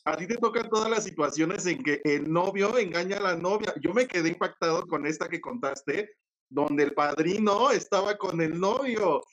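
A man's voice: high-pitched, moderate pace, a bit bright, low-quality recording. A man co-hosting a casual interview, commenting in a hesitant, thoughtful way. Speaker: co-host.

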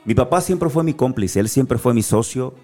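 A man's voice: mid-range voice, moderate pace, faint music behind. A man from Mexico with an Acapulco accent, a motivational speaker telling his story as a guest in an interview, acting out the dialogue as he goes. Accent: Mexican Spanish, from Acapulco. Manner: animated storyteller, acts out dialogue.

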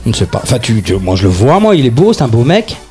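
Un homme qui anime une émission de radio, plaisante et taquine ses collègues en parlant souvent par-dessus eux. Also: male voice, mid-range voice, big pitch swings, fast, mellow. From Belgium. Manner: joking, teasing, talks over others. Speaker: radio show host. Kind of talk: casual banter on a radio show. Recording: music playing faintly behind.

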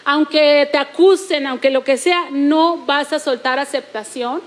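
Mexican lady preacher, pretty high voice, repeats stuff over and over for emphasis. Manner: emphatic repetition, slowing to stress points. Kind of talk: sermon.

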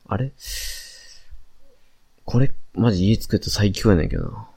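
A man's voice: fairly low pitch, huge pitch swings, moderate pace, creaky, dark tone, husky. A young man with a Kansai accent, co-hosting a casual podcast chat and rambling with fillers. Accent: Kansai Japanese. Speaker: podcast co-host.

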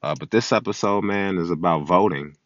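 Young man, very deep voice, recorded on a phone, dull lo-fi dry sound, blunt and profane. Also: brisk, no echo. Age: early 20s. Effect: recorded on a phone, not a microphone. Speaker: podcast host. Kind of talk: casual opinion monologue.

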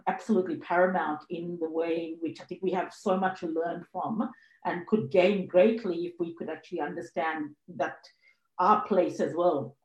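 A woman's voice: lowish voice, darkish tone, reverberant, highs cut off. A woman from Sri Lanka moderating a panel discussion, speaking hesitantly with many fillers and restarts.

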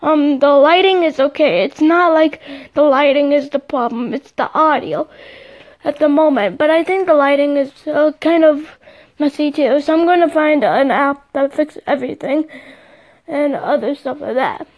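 A young woman with a bright, high voice talks on her own podcast in a loose, rambling way, filling gaps with "like" and "um". She records into her phone's microphone. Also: normal speed, highs cut off. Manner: rambling, chatty, lots of fillers. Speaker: podcast host. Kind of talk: casual solo podcast chat.

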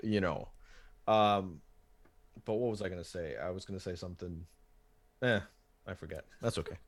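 A man in his thirties with a fairly low voice, talking loosely as a podcast guest. He rambles, restarts his sentences and cracks self-mocking jokes. The talk is easygoing and unscripted. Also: normal speed. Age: 30s. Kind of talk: casual podcast chat.

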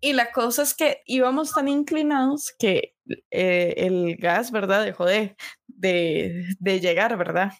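A young woman with a Costa Rican accent, co-hosting a podcast and telling a story in an animated, laughing way. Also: mid-range voice, slow. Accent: Costa Rican Spanish. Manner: animated storyteller, tag questions, laughs often. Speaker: podcast co-host. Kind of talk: casual storytelling chat.

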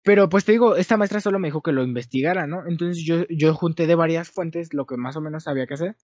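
A man's voice: a little high, fast, a little mellow, no room sound. A young man with a Mexican accent telling a rambling, self-correcting story in casual chat with friends. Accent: Mexican Spanish. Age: young adult. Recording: dull dry lo-fi sound.

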